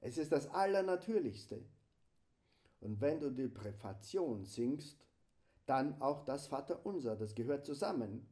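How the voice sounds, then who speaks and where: A man delivering a slow, solemn spiritual meditation, often sinking into a hushed whisper. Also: mid-range voice, animated. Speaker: preacher.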